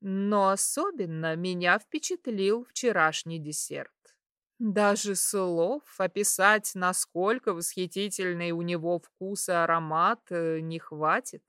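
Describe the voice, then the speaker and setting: A lively middle-aged empress with an animated, teasing manner, as a woman reader puts her on. She rises brightly on her remarks. The sound is dry and close. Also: fairly low pitch, slow pace, clean tone, no echo. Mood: delighted.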